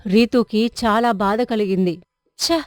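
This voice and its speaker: A woman telling a children's moral story as a steady, scripted narration. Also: mid-range voice, normal speed, no room sound.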